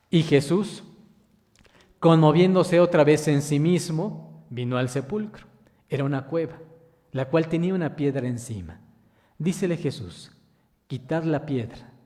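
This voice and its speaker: A man's voice: a little high, a little slow, pauses often, mellow. Preaching man in a reverberant church. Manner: reads scripture aloud, then poses questions to the congregation; addresses listeners as brothers. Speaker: minister. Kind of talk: sermon.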